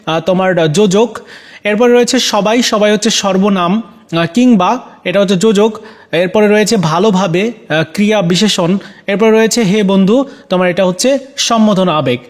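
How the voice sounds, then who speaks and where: A man with a notably high voice walks students through exam answers. He talks to them directly and leans on frequent filler pauses between items. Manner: hesitant, many fillers. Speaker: teacher.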